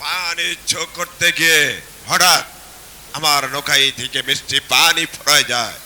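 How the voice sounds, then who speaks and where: A commanding merchant husband in a jatra folk play. He declaims in a booming, very bright and forceful voice, pitched fairly high. He sounds pious and quick-tempered, over a faint hiss. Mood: solemn, proclaiming. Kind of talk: declaimed Bengali jatra folk theatre acting. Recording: hissy, noisy stage drama recording.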